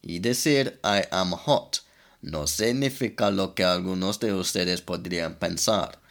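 Slow, deep-voiced man teaching English. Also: fairly bright tone. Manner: slow, patient drilling of example sentences. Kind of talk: podcast-style language lesson.

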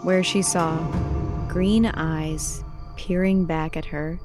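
A woman podcast host narrating an original spooky story in a measured, suspenseful way. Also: on the low side, fairly even intonation. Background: soft music.

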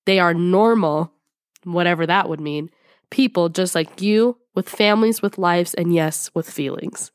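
Slightly rough-throated woman reading a list. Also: on the low side, unhurried, no room sound, clean studio sound. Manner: chatty, giggly, many "like" fillers. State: slightly rough throat after being sick. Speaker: podcast co-host. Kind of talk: reading a list article aloud.

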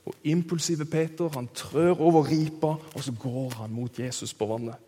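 A male preacher tells Bible stories in a lively, engaging way. His voice sits fairly high and carries a long hall reverb. He often turns to his listeners with questions. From Kristiansand, southern Norway. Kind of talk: storytelling sermon.

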